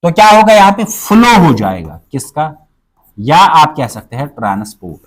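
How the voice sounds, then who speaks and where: A male teacher explaining a biology lesson, asking himself questions and answering them, repeating key terms and slowing down to dictate definitions. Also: fairly high pitch, big pitch swings, low-quality recording.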